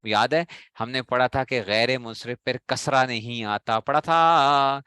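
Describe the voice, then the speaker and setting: A man's voice: mid-range voice, steady tone, measured pace, fairly bright tone, clear, resonant tone, no echo, studio quality. A man teaching Arabic grammar to a class, drilling his students with repeated questions and answers in a Pakistani Urdu accent. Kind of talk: classroom lecture.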